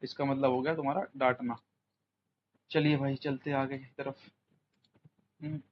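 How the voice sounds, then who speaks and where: A man's voice: medium pitch, little pitch movement, normal speed. A young man teaching English vocabulary for an exam, chatting in Hindi mixed with English words and quizzing his students. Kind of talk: exam coaching lesson. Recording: muffled lo-fi audio, faint room noise.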